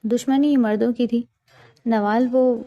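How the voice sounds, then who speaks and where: A woman's voice: on the high side, steady tone, lo-fi sound, lightly acted. A woman voicing a stern, protective young husband who speaks in a firm, commanding way in a storybook reading.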